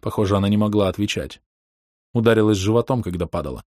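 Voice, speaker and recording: A man narrating an audiobook in the first person, in a steady, measured reading voice. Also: fairly low pitch, no echo, clean studio sound.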